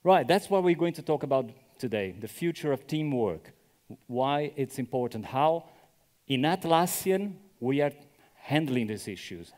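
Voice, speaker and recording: A man's voice: mid-range voice, darkish tone. A man from Brazil giving a conference talk, chatty, often asking the audience "right?". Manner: conversational, often checks with "right?". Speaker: conference speaker. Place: conference venue. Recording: echoey hall reverb.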